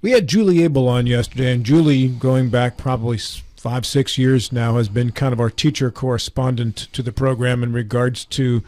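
A man's voice: mid-range voice, a little mellow, no room sound. A middle-aged man hosting a radio talk show, asking long conversational questions at a studio mic. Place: radio studio with foam panels. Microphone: boom-mounted studio mic with headphones.

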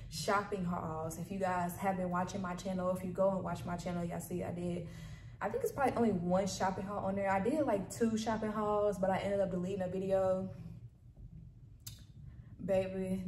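A woman's voice: fairly low pitch, level tone, moderate pace, darkish tone, far from the mic. Young woman vlogger, upbeat and chatty, direct-to-camera talk, bare echoey bedroom, faint hum behind. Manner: chatty, upbeat, addresses viewers as y'all and baby. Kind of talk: casual chat to camera. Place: sparsely furnished carpeted bedroom, indoors. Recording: echoey empty room with faint ambient noise.

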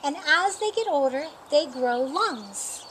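A middle-aged woman with a high-pitched voice gives a storytime reading of a children's picture book, deliberate and expressive. She sits outdoors in a sunny yard by a painted wall, with birdsong and outdoor ambience in the recording.

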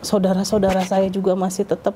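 Woman, guest, casual interview, lively storytelling, warm mellow voice, faint background noise. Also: mid-range voice, fast talker. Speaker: guest telling her conversion story.

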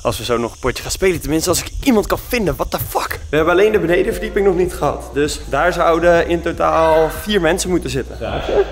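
A man in his twenties with a Netherlands Dutch accent, chatting casually and excitably in slangy vlog style. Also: on the high side, fast talker, slight background noise. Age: 20s. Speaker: vlogger. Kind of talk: casual vlog chat during a game of hide-and-seek. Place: large villa, moving between rooms and outdoor terrace. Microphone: handheld camera at arm's length.

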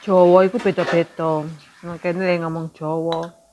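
A woman's voice: on the low side, little pitch movement, a little slow, darkish tone, dull audio, a little hiss or hum. A woman, chatting casually in a home cooking vlog, teasing and scolding someone to finish eating. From Suriname.

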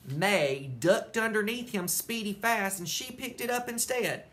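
A teacher reading a children's chapter book aloud at an elementary school, expressive and animated. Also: medium pitch, unhurried, a little hiss or hum.

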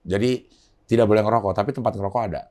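A man's voice: on the low side, rapid-fire, a little mellow. Casual storytelling man, slangy. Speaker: podcast host. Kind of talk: casual chat.

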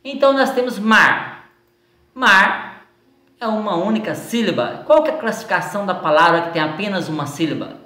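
A woman teacher with a Brazilian Portuguese accent going over exercises in a recorded lesson, slow and patient, stretching words out syllable by syllable. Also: mid-range voice, big pitch swings, fairly bright tone. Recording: echoey room sound.

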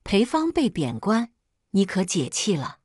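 A woman narrator voicing a shrewd, amused female ally who speaks in a knowing, brisk way. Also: mid-range voice, wildly swooping pitch, darkish tone, breathy edge, no room sound, clean studio sound, full character voice.

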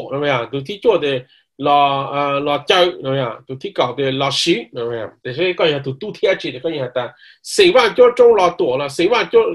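A man teaching a course on ritual language, reciting verse lines, explaining them and often checking that listeners follow, with English words mixed in. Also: a little high. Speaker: cultural course instructor.

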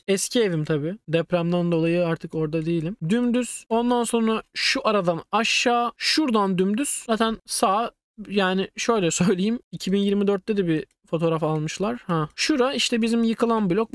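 Young man, very high voice, dry close sound, animated streamer storytelling. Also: clean tone, dry recording. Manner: animated, acting out shouted quotes; chatty, jumps between story and showing places on a map. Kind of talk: casual storytelling on a live stream.

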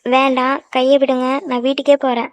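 A woman's voice: sits high, level tone, no room sound, lightly acted. A woman voicing a jealous cartoon girlfriend. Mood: sulky, scolding. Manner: quick, sulky scolding. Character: young woman, jealous quick-tempered girlfriend. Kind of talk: cartoon voice acting.

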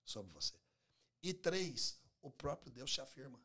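Here the pastor, a Brazilian man in his forties from Minas Gerais, uses a sing-song, mid-range voice that is a bit bright and measured in pace. As a podcast guest he preaches conversationally and emphatically, repeating phrases and acting out fragments of dialogue. He sits in a small podcast studio before a close studio mic on a table stand.

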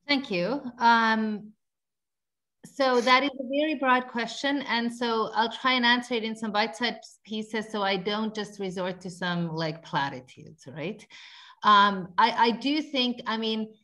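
A Finnish researcher in her forties answers a panel question over a video call webcam from an indoor room. Her fairly high, bright voice has a forceful tone and a measured pace, and she explains fluently with light fillers.

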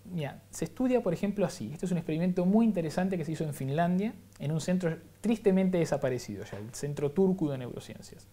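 Hombre rioplatense que explica con calma. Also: male voice, on the high side, breathy edge. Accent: Rioplatense Spanish. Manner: didactic, uses examples and rhetorical "¿no?". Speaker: scientist guest. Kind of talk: explanatory interview talk.

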